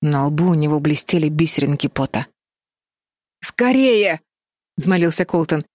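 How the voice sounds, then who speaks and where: A woman narrating an audiobook with steady, dramatic storytelling. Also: low-pitched, brisk, no echo, clean studio sound. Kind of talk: scripted narration.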